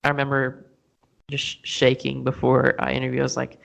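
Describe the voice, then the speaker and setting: A man's voice: mid-range voice, monotone, moderate pace, creaky, fairly bright tone, low-quality recording. A man being interviewed about his podcast, chatting casually in a rambling, self-deprecating way.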